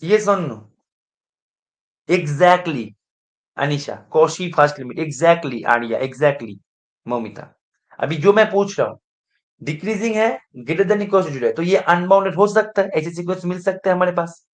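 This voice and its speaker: A man's voice: on the high side, measured pace. A man teaching a live online math revision class, mixing in English terms and checking again and again that everyone follows. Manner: keeps checking students understand, asks the class repeatedly.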